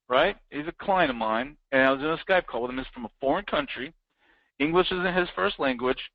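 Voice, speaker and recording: Male motivational trainer, somewhat high and very animated pitch, emphatic and repetitive, dull dry lo-fi stream audio. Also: no room sound. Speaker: business trainer. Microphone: live-streamed online.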